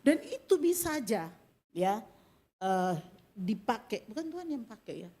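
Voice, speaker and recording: A middle-aged woman preaching a sermon in a chatty, animated way, addressing the women directly with laughing asides. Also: a little high, a little slow, breathy edge. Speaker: pastor.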